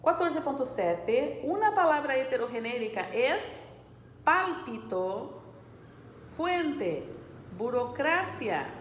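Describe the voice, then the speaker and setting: A woman teaching a Spanish class, patiently going over exercises, reading words slowly and checking that students follow. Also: high-pitched, very animated, echoey room, big-room sound, a little hiss or hum. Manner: explains patiently, checks understanding with "certo?" and "né, gente?"; reads Spanish words slowly and clearly, switching into Portuguese explanations.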